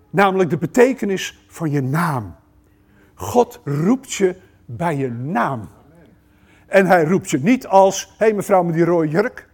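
A male preacher delivering a sermon at a church service. His voice sits high and he takes his time, drawing out his words. He speaks straight to the congregation with questions, and his volume keeps swinging between loud and hushed. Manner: talks directly to the congregation with questions.

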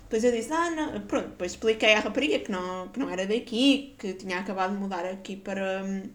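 A woman's voice: mid-range voice, fast. Chatty young Portuguese woman from Guarda. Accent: European Portuguese, Guarda region. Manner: chatty, laughs often, many fillers. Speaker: podcaster. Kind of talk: casual personal monologue.

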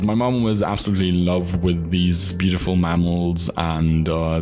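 Low-voiced young German man rambling. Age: 20s. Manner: rambling, with many fillers, restarts and self-corrections. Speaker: podcast host. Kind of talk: casual solo podcast monologue.

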